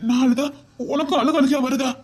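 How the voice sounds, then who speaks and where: A sobbing, heartbroken young uncle. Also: male voice, extremely high pitch, fairly even intonation, fairly quick, noisy background. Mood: tearful, tender. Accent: Tirunelveli Tamil. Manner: sobbing, pleading, tender. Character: heartbroken young man, a loving tearful uncle. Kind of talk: web series melodrama acting.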